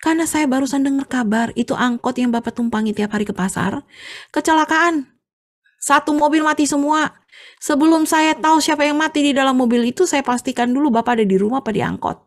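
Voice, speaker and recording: Woman playing an anxious churchgoing neighbor, pitched up, breathless with news. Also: fast talker, a little mellow. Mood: urgent. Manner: urgent, breathless, relieved. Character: panicked pious neighbor woman.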